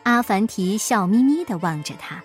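A woman storyteller reading a folk tale aloud in an expressive storybook style. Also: mid-range voice, normal speed, soft background music.

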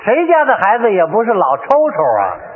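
Crosstalk straight man, high lively voice. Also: normal speed. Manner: short prompting replies, mock indignant. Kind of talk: crosstalk comedy routine. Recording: old tinny radio broadcast with long reverb.

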